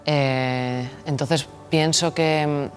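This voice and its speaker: Speaking extremely slowly in a deep, fairly even voice, a woman film director from Spain's Basque Country answers interview questions with a Basque Spanish accent. Her replies are thoughtful and hesitant, with frequent repeated words as she gropes for phrasing, and soft music plays in the background.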